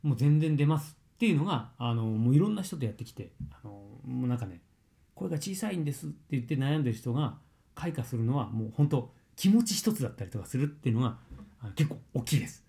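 A man explaining voice training in a casual spoken lesson, full of fillers and sudden loud exclamations. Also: medium pitch, lively intonation, fast, vocal fry.

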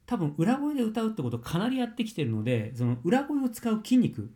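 A man's voice: high-pitched, big pitch swings, fairly quick, mellow. A man working as a vocal coach, answering a listener's question in a casual lesson and explaining with everyday comparisons.

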